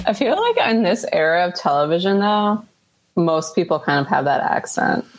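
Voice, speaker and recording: A woman's voice: fairly low pitch, very animated, normal speed. A woman co-hosting a TV rewatch show, giving casual conversational commentary sprinkled with "like". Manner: conversational, frequent "like".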